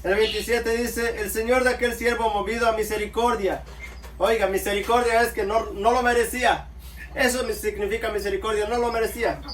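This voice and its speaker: A man's voice: high voice, flat delivery, a little fast, fairly bright tone. A man preaching a sermon, calling his listeners brothers and answering himself with amen. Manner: addresses listeners as brothers, calls out amen often. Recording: echoey room, mic far off, faint background noise.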